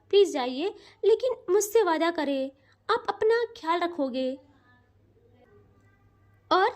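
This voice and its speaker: A woman voicing a tearful, loving middle-aged mother who speaks tenderly in a story. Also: very high-pitched. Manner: tender, softly pleading.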